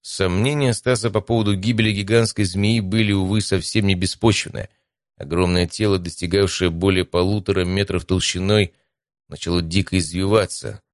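A man with a very deep voice reads an adventure audiobook in a calm, even first-person narration. The sound is close and completely dry, with no room echo.

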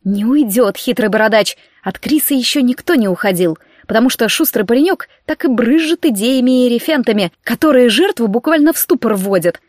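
A woman with a fairly high voice reads a first-person fantasy audiobook and gives it a lively, theatrical delivery. The recording is close and dry, with no room sound. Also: brisk, few pauses, no echo. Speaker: audiobook narrator.

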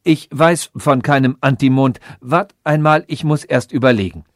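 A man's voice: medium pitch, normal speed, no room sound, clean studio sound, close to an everyday voice. A man voicing a vain, cunning female calculating machine from a storybook, lecturing in a lofty, scheming manner. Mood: musing.

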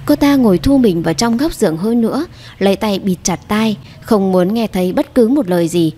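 Woman storyteller with a mellow, reverberant voice. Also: mid-range voice, expressive, a little fast. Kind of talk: dramatic story narration voicing all characters. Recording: long hall reverb.

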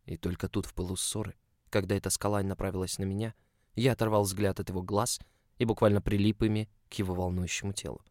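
A man reading a first-person story aloud, emotional and confessional in tone. His voice is low and even. The recording is dry, with no echo around it. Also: fast talker. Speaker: audiobook narrator.

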